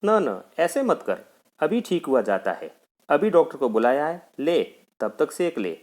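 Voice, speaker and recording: A man's voice: on the high side, big pitch swings, moderate pace, a little mellow, pitched above the performer's own voice. A male teacher voicing a worried mother who coaxes and frets over her sick young son. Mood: coaxing. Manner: fussing, pleading.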